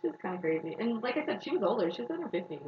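A woman's voice: mid-range voice, very animated, very fast, far from the mic. A woman, chatting casually as a podcast co-host and laughing often. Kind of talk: casual chat. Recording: roomy, dull, noisy recording.

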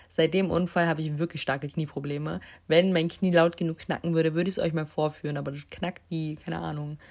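Young woman telling a story, lowish voice. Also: a little mellow. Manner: emotional, self-mocking, addresses listeners directly. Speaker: podcast host. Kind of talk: casual storytelling monologue. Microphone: basic non-professional mic.

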